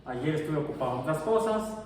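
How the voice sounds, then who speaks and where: A man's voice: fairly high pitch, lively intonation, brisk, darkish tone. A middle-aged man with a Mexican Spanish accent, lecturing a class and slipping into chatty anecdotes. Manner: chatty, digressive storytelling. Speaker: teacher. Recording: roomy echo, distant mic, faint noise.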